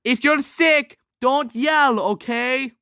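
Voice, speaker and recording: Mario as a bossy, squeamish plumber plush, voiced by a man. He scolds loudly in a raised, very high voice and is quick to sound disgusted. The sound is dry and close. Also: no room sound, full character voice. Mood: scolding, disgusted. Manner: loud, scolding, easily disgusted. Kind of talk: plush toy skit.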